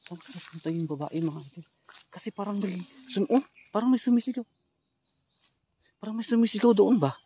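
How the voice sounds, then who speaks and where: A man's voice: high voice, fairly quick, long pauses, dark tone, slight background noise. A man filming a ghost-hunting vlog in a forest outdoors, speaking straight to his viewers in a suspenseful, wary way. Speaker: ghost hunter vlogger.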